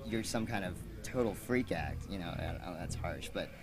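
A man's voice: low-pitched, moderate pace, music in the background. A man speaking candidly, rambling a little with fillers. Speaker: interviewee.

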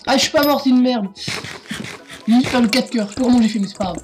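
A man's voice: very high voice, quick pace, music in the background. A young man hosting a gaming video, chatting loosely and trash-talking his friend while he plays. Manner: rowdy trash-talking, swearing, laughing. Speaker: gaming channel host. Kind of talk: casual gaming chat.

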